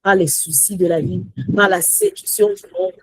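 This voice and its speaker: A woman teaching a sermon with great animation, slipping English phrases into her French and swinging from shouts to soft whispers. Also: lowish voice, huge pitch swings, moderate pace, breathy edge, dry recording, low-quality recording. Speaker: prayer teacher.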